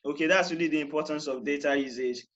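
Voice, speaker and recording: A man's voice: fairly high pitch, fast talker, a bit bright, lo-fi sound. A young man from Nigeria giving a chatty how-to lesson, often saying "all right" and repeating himself. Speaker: tech tutorial host. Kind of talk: casual how-to explanation.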